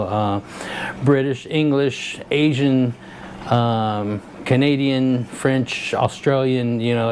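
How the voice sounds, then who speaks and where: A man's voice: mid-range voice, a little mellow, slight background noise. A man hosting his own channel, giving a rambling, easygoing product review full of filler words while standing by a vehicle. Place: by a vehicle, showing its lights.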